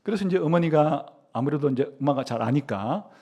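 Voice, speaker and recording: Animated male pastor telling a story. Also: fairly high pitch, a little fast, muffled recording. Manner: animated storytelling, acting out a child's and mother's lines; frequent "어" fillers, trailing soft endings. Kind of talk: storytelling sermon.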